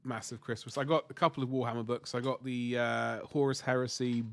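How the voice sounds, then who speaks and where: This man's mid-range voice is creaky and a bit bright, delivered fairly quickly in a level tone. Stuffed up and sore-throated from the flu, he paints miniatures on a livestream and chats loosely with viewers about their comments, rambling, backtracking to fix himself, and cursing a little.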